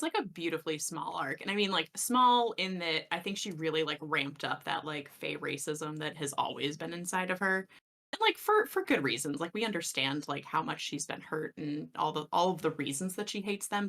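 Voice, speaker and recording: A woman co-hosting a book podcast, chatting casually and gushing about the story, with lots of fillers. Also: on the low side. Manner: gushing, filler-heavy, quotes characters in an animated voice. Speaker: podcast co-host. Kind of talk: casual book discussion chat.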